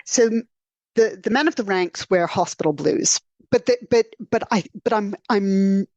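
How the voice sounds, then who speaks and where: A woman's voice: mid-range voice, measured pace, darkish tone, no room sound, lo-fi sound. A woman hosting a podcast film discussion, building her points thoughtfully and at length. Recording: dry close recording.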